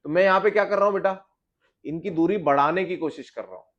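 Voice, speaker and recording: A man with a high voice teaches physics in a lecture, putting questions to his students and answering them himself. He talks. The recording is a little dull and lo-fi. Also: fast talker. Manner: explains with questions to students, addresses them as beta. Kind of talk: classroom lecture.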